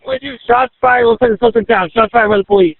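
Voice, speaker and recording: Rapid high-voiced officer on police radio. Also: male voice, vocal fry, dry recording. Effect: police radio transmission. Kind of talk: terse radio field reports. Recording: dry narrowband police radio.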